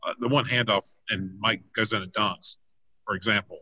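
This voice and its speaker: A man with a low but bright, forceful voice questions a coach at a press conference. He pauses on "uh" and "um" as he builds his question. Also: fairly even intonation, rough recording. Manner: hesitant, filler-laden questions. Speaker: reporter.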